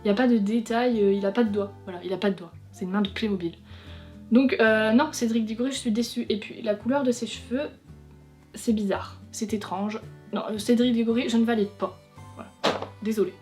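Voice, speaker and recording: A young woman chatting casually as a vlogger, reviewing figurines in a frank, teasing way that is quick to complain. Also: on the high side, fairly even intonation, darkish tone. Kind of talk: casual chatty unboxing commentary. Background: faint background music.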